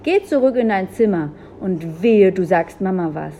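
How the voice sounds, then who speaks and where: A woman's voice: mid-range voice, sing-song, unhurried, darkish tone, a little hiss or hum. A woman voicing an angry, bossy older sister, a young girl, in a storybook reading.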